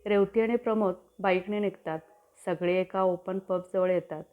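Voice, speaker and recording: A woman reading a love story as a storyteller, in steady, descriptive narration. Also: mid-range voice, moderate pace. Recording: tinny phone-like sound.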